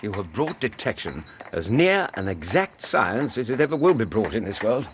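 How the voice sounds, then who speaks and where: An English man acting in a radio drama as a loyal Victorian gentleman doctor, admiring and puzzled, on a noisy recording. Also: lowish voice, sing-song, normal speed.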